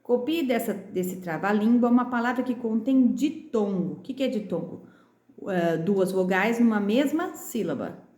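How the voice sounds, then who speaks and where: A Brazilian primary school teacher with a São Paulo accent, patiently walking young pupils through a remote lesson and stretching out syllables. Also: female voice, medium pitch, animated, moderate pace, a little mellow. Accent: Brazilian Portuguese, São Paulo state. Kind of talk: remote lesson walkthrough for children. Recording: roomy echo.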